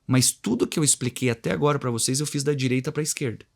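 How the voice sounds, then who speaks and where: A man with a Brazilian accent talks as an invited communication trainer in an interview. He is didactic and shapes his intonation on purpose, stressing some words and softening others. His voice sits at an ordinary middle pitch. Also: fast talker, vocal fry. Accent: Brazilian Portuguese. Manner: didactic, plays with his own intonation and contrasts while explaining; acts out short dialogues to give examples. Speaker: communication and NLP trainer, guest. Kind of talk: explanatory interview talk.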